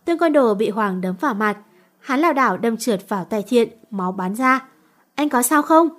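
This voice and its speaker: A woman reading a romance novel aloud in steady storytelling. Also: fairly high pitch, brisk. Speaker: narrator.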